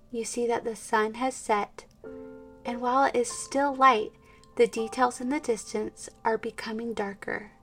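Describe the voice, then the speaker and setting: Soft slow woman guiding meditation. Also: on the high side. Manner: slow, soft, soothing, drifting into whispers. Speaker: meditation guide. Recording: distant mic with soft instrumental music.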